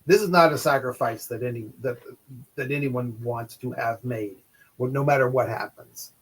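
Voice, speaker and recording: A man's voice: mid-range voice, moderate pace, a bit bright, husky, low-quality recording. A man playing a tabletop game, talking casually and thinking aloud. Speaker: player.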